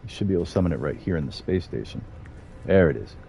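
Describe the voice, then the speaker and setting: A man's voice: deep voice, animated, quick pace, creaky, dark tone, a little hiss or hum. A middle-aged man chatting casually as he streams a game, rambling with fillers and small chuckles. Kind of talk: casual gameplay commentary.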